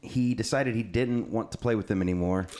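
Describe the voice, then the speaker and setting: A man's voice: lowish voice, brisk, dark tone. Man explaining band history. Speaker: podcast co-host. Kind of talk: casual chat.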